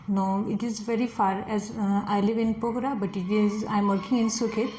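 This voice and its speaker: Her voice is mid-range and warm, with fairly even intonation and a moderate pace. She is a native Nepali speaker in her twenties with a Nepali accent, a forest officer taking a test and answering questions hesitantly with many fillers. The room is echoey with faint noise.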